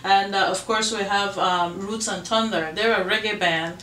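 A woman's voice: medium pitch, steady tone, moderate pace, a bit bright, a little hiss or hum. A middle-aged woman chatting casually as a festival organizer, rambling with many fillers. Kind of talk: casual chat. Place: dining room at home. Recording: roomy audio from far off.

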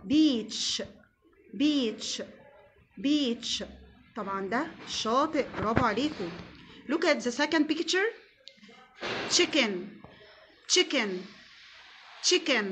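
A young woman teacher with an Egyptian Arabic accent leads a children's English lesson, saying each word slowly and repeating it. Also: fairly high pitch, expressive, a bit bright, a little hiss or hum. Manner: slow, deliberate English drills with repeated words, quick Arabic explanations. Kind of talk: classroom lesson with call-and-repeat drills.

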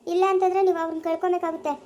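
A woman as a brisk hospital nurse who gives firm, impatient orders, with a rural Chikkaballapura Kannada accent. The voice is very high and flat, and the orders come in a hurry in a homemade family skit. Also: highs cut off, slight background noise. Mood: urgent firm.

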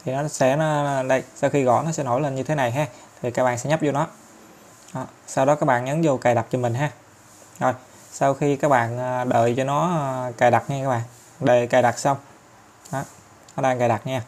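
A man with a Southern Vietnamese accent talking viewers through an app tutorial step by step, chatty and filling pauses often. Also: medium pitch, steady tone, a little mellow. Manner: chatty, step-by-step, many fillers and tag particles. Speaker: tutorial host. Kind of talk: screen-recorded app tutorial.

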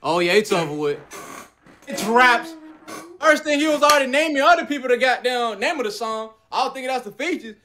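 A young man with a very high-pitched, brisk voice reacts to amateur rap songs as a guest on a video call from an indoor room, with slight background noise. His chat is casual and rowdy, animated and slangy, with plenty of swearing.

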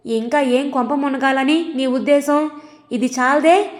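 Brief: woman doing a harsh, berating middle-aged husband, fairly high voice, reverberant room. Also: measured pace. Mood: scolding. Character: angry scolding middle-aged husband and father.

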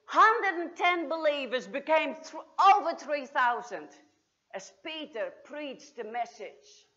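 Woman as Mary Magdalene, dramatic monologue, lively high voice, slow, church recording. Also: highs cut off. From Australia. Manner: theatrical, swings from hushed to exultant. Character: Mary Magdalene, grieving then joyful woman. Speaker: storyteller performing a monologue. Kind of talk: dramatic first-person biblical monologue.

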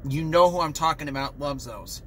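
A man's voice: on the high side, brisk, a little hiss or hum. A man vlogging an angry, heated rant, talking in an exasperated way.

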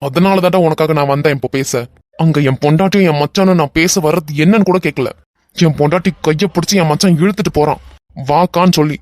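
A man's voice: on the high side, fast talker, no echo, lightly acted. A man with a Kanyakumari Tamil accent voicing an exasperated young married man in a cartoon, scolding his friend sharply and sounding worn out. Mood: angry. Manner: sharp, scolding, then weary and worried. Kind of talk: animated web cartoon voice acting.

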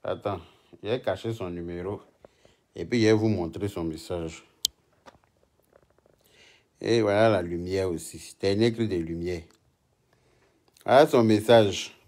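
A man's voice: sits low, unhurried, pauses often, a little mellow. Teasing man on a live stream. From Ivory Coast. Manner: mocking, teasing and chatty, often breaking into laughter. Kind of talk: casual live-stream commentary.

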